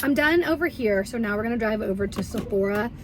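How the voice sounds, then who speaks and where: A woman's voice: on the high side, lively intonation, fast talker. A woman vlogging in a casual, rambling way to her viewers, thinking aloud as she talks. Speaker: lifestyle vlogger. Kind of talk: casual vlog chat to camera. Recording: clear background noise.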